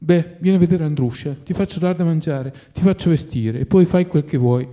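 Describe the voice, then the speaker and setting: A man voicing a calm, kind and firm gentleman who speaks in a measured, reflective way. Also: on the high side, close to an everyday voice.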